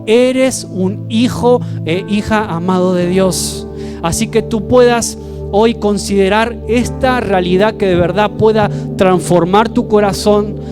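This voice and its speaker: Brief: male pastor mid-sermon, high voice, fervent, faint keyboard underneath. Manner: fervent, praying aloud and exhorting the congregation. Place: church service. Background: soft keyboard music.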